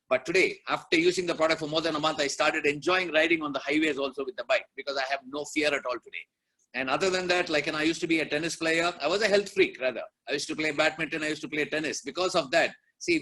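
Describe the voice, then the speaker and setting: A man's voice: a little high, pushed and bright, rough recording. A man in his fifties with an Indian English accent, giving an earnest personal testimony and often saying "like, you know". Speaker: product testimonial speaker.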